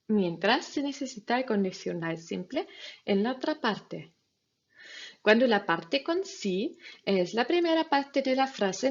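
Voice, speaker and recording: Slow, husky-voiced woman teaching grammar. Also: on the high side, highs cut off. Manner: patient, step-by-step instructions to students. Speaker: Spanish teacher. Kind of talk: recorded grammar lesson.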